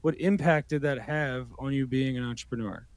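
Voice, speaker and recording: A man's voice: medium pitch, moderate pace, clear, resonant tone, dry recording. A man hosting a podcast interview, asking loose, rambling questions in a friendly, chatty way. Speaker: podcast host. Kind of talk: conversational interview.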